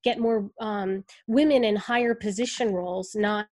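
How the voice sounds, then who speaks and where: A woman talks candidly as an interview guest. Her pitch sits in a middle range for a woman. She is earnest and reflective, and she speaks in halting bursts as she works through her thoughts. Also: steady tone, a little mellow. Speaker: guest speaking about the ad industry.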